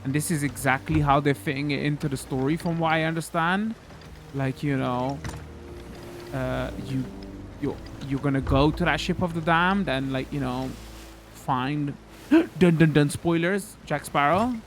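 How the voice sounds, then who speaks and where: A man's voice: on the high side, steady tone, normal speed, background noise. A man hosting a gaming video with casual commentary, hesitant and thinking aloud as he plays.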